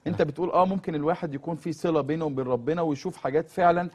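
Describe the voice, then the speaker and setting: A man's voice: on the high side, racing, dry recording. A man with an Egyptian accent moderating a TV discussion as its host. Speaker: talk show host. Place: TV studio.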